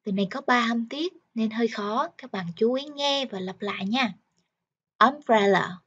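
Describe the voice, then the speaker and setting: A woman teaching the alphabet to children. She pronounces each word slowly, repeats it, and praises the listener. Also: on the high side, fairly bright tone, husky. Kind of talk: slow pronunciation drill. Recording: dull lo-fi sound.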